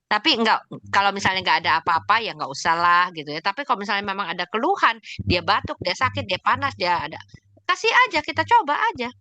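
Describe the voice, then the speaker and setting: A woman's voice: mid-range voice, lively intonation, fast, pushed and bright, no echo, lo-fi sound. A woman doctor answering questions in an online session, explaining in an emphatic way and listing examples.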